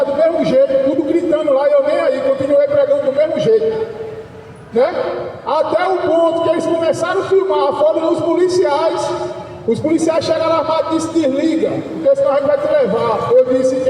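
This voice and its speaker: A man preaching a fiery street sermon, shouting and insisting, often tagging lines with a questioning "né?". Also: extremely high pitch, slight background noise. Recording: echoey, distant, reverberant outdoor sound.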